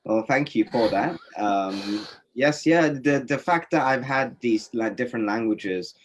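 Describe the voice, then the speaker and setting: A man's voice: medium pitch, unhurried, slight background noise. A man from Norway, a poet and interview guest, giving thoughtful, reflective answers with many fillers and restarts on a webinar call. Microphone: webinar video call.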